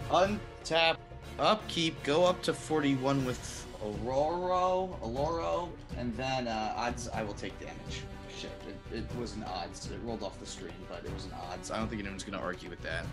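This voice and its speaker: A man's voice: medium pitch, moderate pace, music in the background. A man playing a card game who announces his moves and grumbles wryly about bad draws. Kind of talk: casual gameplay chat.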